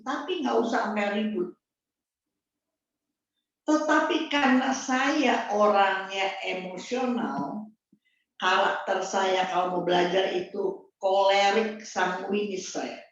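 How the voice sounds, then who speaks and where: Slow emphatic woman preaching, echoey. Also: mid-range voice. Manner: emphatic and blunt, repeats key phrases. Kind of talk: sermon. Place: church hall. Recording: distant, dull, very echoey room.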